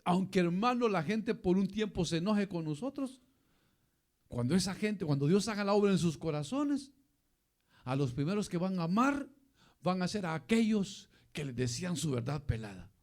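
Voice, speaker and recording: A man's voice: sits high, normal speed. A man preaching a Bible study sermon as pastor, often calling his listeners "brother". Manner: addresses listeners as "hermano" often, animated preaching.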